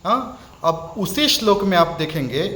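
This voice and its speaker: A man with an Indian accent teaching Sanskrit recitation, chanting verses slowly and repeating each one patiently, sometimes switching into English. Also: sits high, lively intonation, a bit bright, reverberant. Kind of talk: spoken lesson with chanted verses.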